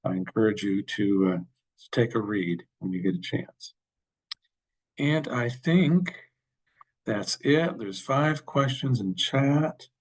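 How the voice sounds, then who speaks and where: A man giving a workshop over a video call, answering questions with halting speech and frequent fillers. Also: mid-range voice, lively intonation, slightly rough. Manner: halting, many fillers and restarts. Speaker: workshop presenter. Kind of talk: webinar Q&A.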